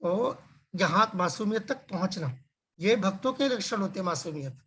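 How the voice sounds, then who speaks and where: A man teaches a scripture class by video call in a high-pitched, expressive, sharp voice, with a little hiss or hum on the recording. His talk is conversational, full of everyday examples, rhetorical questions, fillers and restarts, and he slows down on key words.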